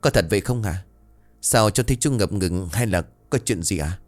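A man's voice: fairly low pitch, lively intonation, normal speed, soft background music, natural voice. A man voicing a curious young adult nephew who asks questions in an earnest, pleading way.

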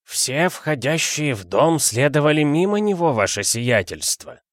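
A man voicing a dignified old butler who speaks slow and stately. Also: on the high side, very animated, no echo, clean studio sound, pitched above the performer's own voice. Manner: stately, creaky.

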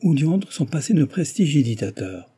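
A man voicing a composed, courteous aristocratic marquis in an audiobook, in a measured way. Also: mid-range voice, dark tone, breathy edge, natural voice. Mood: puzzled.

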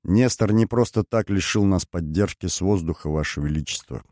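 A grave mercenary colonel with a deep, low voice, slow and measured and always deferential to his king, as a male reader puts him on. The recording is dry and close. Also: a little mellow, no room sound, close to an everyday voice. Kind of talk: audiobook character voice.

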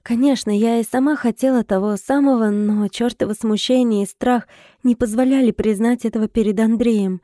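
A woman narrating a first-person romance audiobook in a steady, measured way. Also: fairly high pitch, no echo, clean studio sound.

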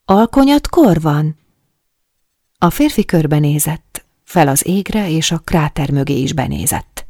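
A woman narrating an audiobook in a steady, measured way. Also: deep voice, no room sound, studio quality. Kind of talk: audiobook reading.

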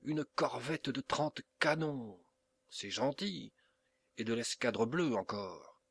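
A man reading an audiobook, voicing a hot-tempered male pirate captain who barks orders in a loud, gruff, commanding way. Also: on the low side, measured pace. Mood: furious.

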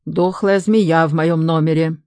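A woman voicing a loud, indignant middle-aged man who rants and threatens to sue. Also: lowish voice, unhurried, dry recording, studio quality, lightly acted. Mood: mock-pompous. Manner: blustering, shouting, threatening.

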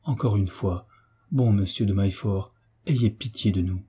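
A man's voice: mid-range voice, moderate pace, warm tone, husky, natural voice. A man reading the part of a young orphaned heiress who pleads earnestly in a storybook reading. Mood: pleading. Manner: earnest, imploring.

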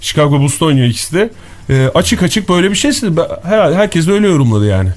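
A man's voice: fairly high pitch, sing-song, very fast. A man co-hosting a morning radio show, joking and teasing his colleagues in casual studio banter.

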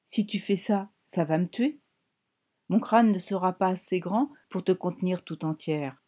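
A woman's voice: lowish voice, a little slow, warm tone. Woman voicing a timid, frightened teen girl. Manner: stammering, plaintive.

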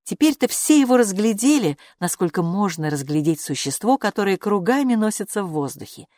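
A woman narrating a children's story audiobook in an expressive storytelling manner. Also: medium pitch, brisk, no room sound, studio quality.

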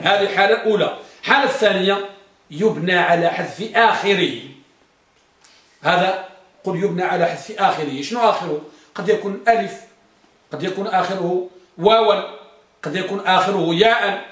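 A man teaching grammar to a class, dictating slowly, repeating phrases and quizzing his students. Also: sits high, fairly bright tone. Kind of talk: classroom lesson. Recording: echoey room from far off.

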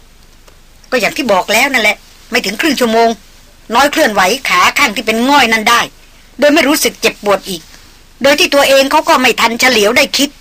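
A puzzled foreign young woman, full of wonder, as a woman narrator puts her on. She explains things in a bright, slightly raised voice. Audiobook reading. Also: a little high, low-quality recording.

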